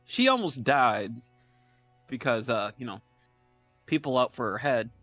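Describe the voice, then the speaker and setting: Man, slow pace, dull lo-fi mic, halting recap. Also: mid-range voice, very animated, fairly bright tone, no echo, faint music behind. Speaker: player. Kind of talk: recapping a tabletop game session.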